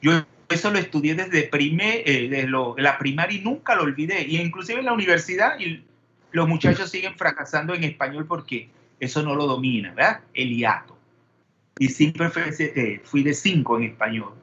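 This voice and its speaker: Questioning chemistry teacher. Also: male voice, on the high side, expressive, normal speed, sharp tone, lo-fi sound. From Panama. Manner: questioning, digressive. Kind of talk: classroom lecture.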